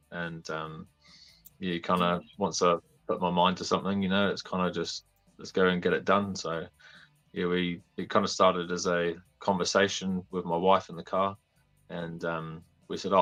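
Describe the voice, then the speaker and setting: A young man with a New Zealand accent chatting casually and haltingly as a laid-back podcast guest. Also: low-pitched, fairly bright tone, muffled recording. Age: young adult. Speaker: podcast guest, toy fair organiser. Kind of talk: casual chat.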